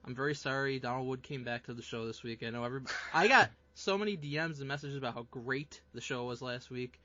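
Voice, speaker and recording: A man's voice: medium pitch, quick pace, sharp tone, a little hiss or hum. A man co-hosting a podcast, introducing a segment and teasing his co-hosts in casual chat. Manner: upbeat segment host, teasing. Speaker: podcast co-host. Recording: dry, slightly muffled podcast audio.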